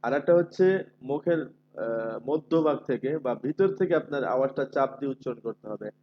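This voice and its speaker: A man teaching Quran recitation in an online class, patiently repeating letter sounds slowly for his students. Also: medium pitch, lo-fi sound.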